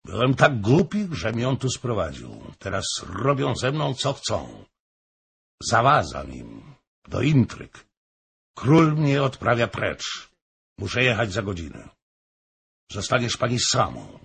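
Man reading a jealous hot-tempered nobleman, gravelly, husky, loud, slightly raised pitch. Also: wildly swooping pitch, slow pace, pauses often, heavily acted. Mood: agitated.

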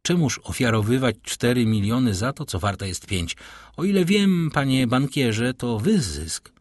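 A man narrates a classic novel as an audiobook, with a slightly husky, breathy voice. His intonation is lively and swings widely as he moves between the characters. The recording is dry and close, with no room sound. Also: medium pitch, unhurried, dry recording. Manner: reads all characters in one voice with lively intonation.

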